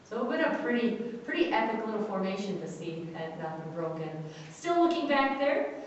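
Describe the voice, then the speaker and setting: A woman's voice: medium pitch, sing-song, a little fast. A woman working as a tour guide, giving an informal guided tour inside an echoing cave, pointing things out and instructing her group. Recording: echoing cave reverb, distant muffled mic, faint noise.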